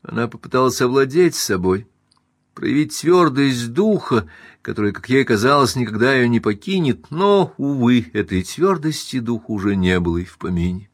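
A man reading a classic novel aloud as audiobook narrator, even and measured. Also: medium pitch, no echo, clean studio sound. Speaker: audiobook reader.

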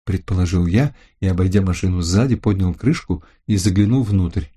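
A man with a husky voice narrating a first-person crime novel as an audiobook. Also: low-pitched, normal speed, warm tone.

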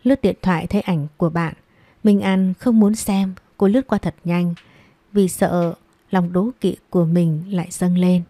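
Warm, low-voiced woman narrating a story. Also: steady tone, no echo. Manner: measured, dramatic storytelling. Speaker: audiobook narrator.

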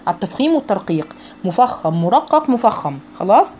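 A woman with an Egyptian accent leads a Quran recitation lesson, breaking words into single syllables and drilling them slowly. Her voice is warm and mellow. A faint hiss runs under the recording. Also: medium pitch, big pitch swings. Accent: Egyptian Arabic. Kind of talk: tajweed lesson with slow recitation.

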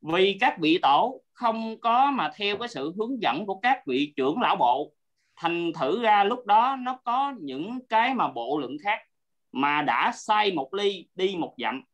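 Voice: mid-range voice, big pitch swings, measured pace. A teacher talks a student through a Buddhist text over an online call. The explanation is patient, with frequent checks that the listener is following. The audio sounds dull and lo-fi. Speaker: Abhidhamma teacher.

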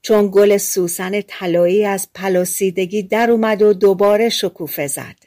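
A woman's voice: medium pitch, a little mellow. A woman reading a fairy tale aloud as an audiobook narrator, giving the characters' lines within the story.

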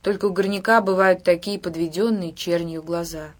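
A woman narrating a book in a measured, even storytelling manner. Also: on the low side. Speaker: audiobook reader. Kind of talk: scripted narration.

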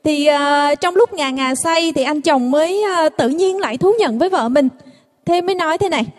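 High-voiced woman telling a joke slowly. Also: long reverb tail. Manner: slow, hesitant telling with many "à" fillers. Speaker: joke teller. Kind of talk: telling jokes to an audience.

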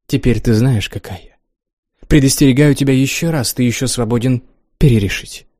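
A haughty young woman speaks with icy calm, commanding and mocking in turn, as a male audiobook reader puts her on. The voice is mellow and soft-edged rather than bright. It sits dry and close, with no room around it. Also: medium pitch, brisk, no echo, natural voice. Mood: cold. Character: cold, scornful, domineering young woman. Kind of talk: audiobook character reading.

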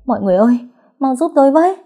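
Woman doing scared young woman in an audio story, begging and crying out, husky. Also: mid-range voice, lively intonation, brisk. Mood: screaming. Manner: shouts and pleads tearfully. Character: young woman, frightened and desperate.

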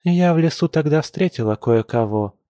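A male reader gives a young granddaughter with a dry, ironic edge, her voice set a little above his narrating pitch. Recorded close with no room sound. Storybook dialogue. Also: expressive, moderate pace, mellow, no room sound, natural voice. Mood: hesitant, tense. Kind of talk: audiobook character voice.

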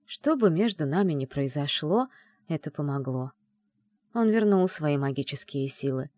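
A woman narrating a first-person novel, expressive and emotionally engaged. Her voice is lowish, dark and mellow, recorded close and dry. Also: moderate pace, no echo. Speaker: audiobook narrator.

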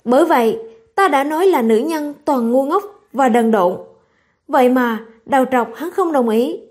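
A woman's voice: high voice, lively intonation, normal speed, a little mellow. A woman doing a blunt, dismissive swordsman. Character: gruff, proud young swordsman.

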